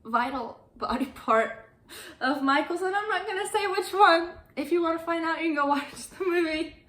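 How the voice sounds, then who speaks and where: A woman's voice: extremely high pitch, normal speed, fairly bright tone. A young adult woman recapping a movie in a casual, chatty way, with lots of "like" fillers. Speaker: YouTuber. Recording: roomy echo.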